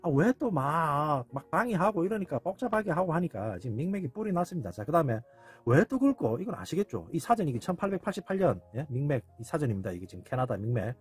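A man giving an informal lecture as a channel host, talking in an animated way, repeating phrases and acting out exclamations. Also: on the high side, racing, few pauses, breathy edge, soft background music. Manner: animated, repetitive, acts out quoted exclamations. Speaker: channel host explaining word comparisons.

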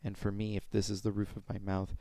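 A young adult man giving an informal, step-by-step pronunciation lesson in a halting way, speaking into a headset mic at home. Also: lowish voice, monotone, warm tone, dry recording. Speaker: pronunciation teacher. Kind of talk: informal instructional explanation with demonstrated sounds. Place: small room at home.

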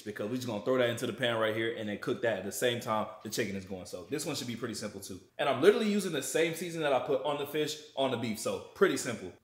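A young man talking casually to camera in a slangy, laid-back way while cooking in a large home kitchen. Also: mid-range voice. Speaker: fitness vlogger. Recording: echoey kitchen room.

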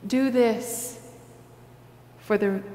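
Brief: woman pastor, slow measured liturgy, echoey church hall. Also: mid-range voice, fairly even intonation, dark tone. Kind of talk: liturgical prayer and communion liturgy. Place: large church sanctuary.

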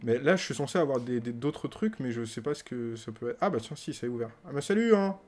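Male streamer, mid-pitched, playful running commentary, chats with game characters. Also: brisk, a little mellow. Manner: playful, laughs often, talks to game characters. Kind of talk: casual let's-play commentary.

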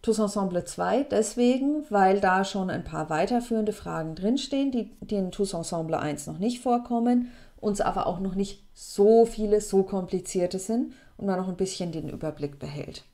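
A French teacher explains question forms to her students at normal speed. She's lively and chatty, playing with her pitch for emphasis.

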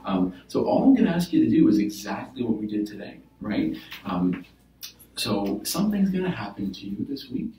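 Male therapist in a role-play demo, patient explainer, warm low tone, roomy room mic from afar. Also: sing-song, moderate pace, slight background noise. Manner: explaining gently with many "right?" and "like" fillers. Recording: roomy, from a distance.

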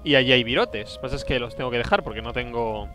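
Nervous and jumpy, a man talks to himself while commentating a horror game in a casual style. He speaks fast at a medium pitch, with music in the background.

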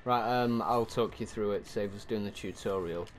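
A man hosting casual gameplay commentary, relaxed, walking a co-op partner through the controls. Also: fairly low pitch, normal speed, a little hiss or hum. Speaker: gaming channel host.

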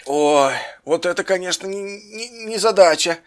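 A man playing a clumsy, injured young man in an improvised game role-play, groaning and complaining, with quick comebacks. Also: high-pitched. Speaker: Minecraft role-play player.

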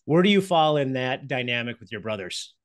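A middle-aged man hosts a podcast interview over a video call, talking into a headset in a dry home office. His tone is friendly and eager, with many fillers and quick restarts. His pitch sits in the middle range. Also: lively intonation, no room sound. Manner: warm, upbeat, frequent fillers and restarts. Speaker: podcast host. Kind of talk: casual interview.

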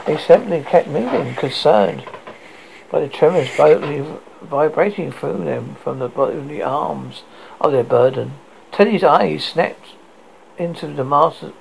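British male story reader, fairly high but very creaky, stumbling delivery, slight noise behind. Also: darkish tone, rough recording. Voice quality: gravelly. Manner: halting, stumbling reading. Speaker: podcast host reading a story. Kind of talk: scripted story narration. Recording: noticeable background noise.

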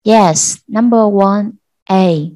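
A Vietnamese-accented woman teaching an English class to children, slow and patient, repeating answers for pupils. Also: medium pitch, warm tone, no room sound, rough recording. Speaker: primary school English teacher. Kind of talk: online class lesson.

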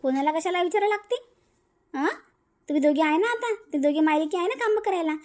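Lady doing a mouthy young cartoon daughter-in-law, rattles off taunts fast. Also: extremely high pitch, darkish tone. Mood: defiant. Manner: taunting, defiant, mocking. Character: bold, sharp-tongued young daughter-in-law.

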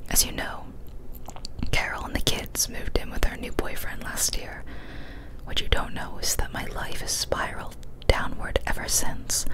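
A young woman tells scary stories ASMR-style, whispering softly and breathily at a moderate pace, hushed and careful. A close studio microphone on a boom arm picks her up in a small decorated indoor room, and the audio is poor.

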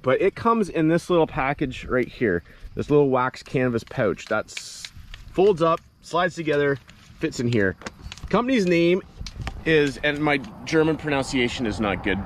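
A dad in his thirties films a casual camping vlog beside a cornfield, talking to the camera with plenty of ums and uhs. He holds an action camera at arm's length, and his mid-range voice comes with a slight hiss or hum.

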